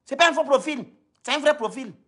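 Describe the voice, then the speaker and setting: A woman hosts a heated live stream, scolding her viewers and hammering the same points over and over. Her voice sits somewhat high, and she speaks into a phone or webcam mic. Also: animated, brisk, fairly bright tone. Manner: scolding, repetitive, lecturing.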